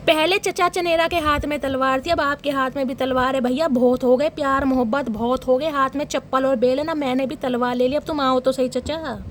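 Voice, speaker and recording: A young woman with a high voice gives a dramatic, animated tarot reading and talks straight to her viewers. A faint hiss of noise sits under her voice. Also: brisk, hardly any pauses. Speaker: tarot reader.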